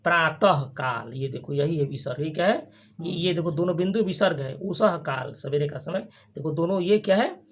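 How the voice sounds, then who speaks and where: A teacher with a breathy, husky voice runs a grammar class in call-and-response style. Each term is repeated and then quizzed back at the students, with frequent restarts and check-ins. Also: medium pitch, darkish tone. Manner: repeats terms and quizzes the class with quick questions.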